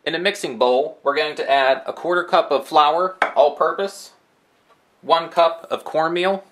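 A man's voice: fairly high pitch, unhurried, fairly bright tone. Man giving step-by-step recipe instructions. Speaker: cooking show host. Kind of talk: instructional cooking voice-over. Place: home kitchen.

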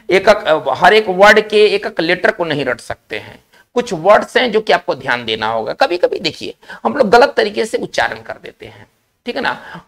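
A male teacher giving a spelling lesson, explaining slowly, repeating key words and checking in with his class. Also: fairly high pitch, creaky, a bit bright.

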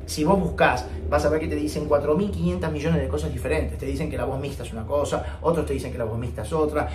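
Male vocal coach, animated and joking, recorded in an echoey room. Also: fairly high pitch. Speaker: singing teacher. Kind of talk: online singing lesson. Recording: echoey room, faint ambient noise.

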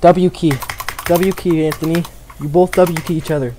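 A man's voice: fairly high pitch, fairly even intonation, moderate pace, mellow. An eighteen-year-old man with an American accent, streaming a game and teasing his friend with frequent laughs. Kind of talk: casual gaming chat. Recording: noisy, keyboard clicks behind.

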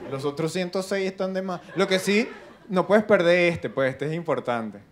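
A young man with a Venezuelan accent doing a stand-up comedy routine, animated and acting out other people's voices. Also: high voice, moderate pace, a little hiss or hum. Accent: Venezuelan Spanish. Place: live comedy stage with audience.

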